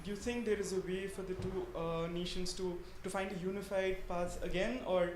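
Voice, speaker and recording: A man's voice: high voice, little pitch movement, moderate pace. A man from India asking a long, earnest question from the audience at a conference, with many fillers. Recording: echoey room, faint ambient noise.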